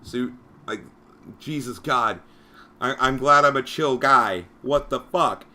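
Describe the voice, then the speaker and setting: Guy moderator venting on stream, bright sharp voice, swears a lot, fed up. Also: medium pitch, slow pace. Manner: exasperated, profane ranting. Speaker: Discord moderator. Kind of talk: livestream rant.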